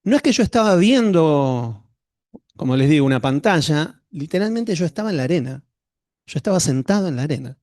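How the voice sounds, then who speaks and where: Male pastor, higher-set voice, dry close sound, conversational testimony. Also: animated, fairly quick, a little mellow, no echo. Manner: conversational storytelling, addresses the congregation directly. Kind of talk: sermon with a personal testimony.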